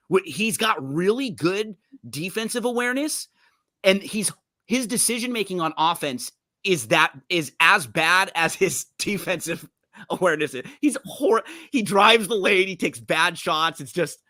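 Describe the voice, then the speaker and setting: A man hosting a podcast, chatting casually and quickly about basketball, often restarting his sentences. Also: sits high, pushed and bright, no room sound, studio quality. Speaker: podcast host. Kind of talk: casual sports chat.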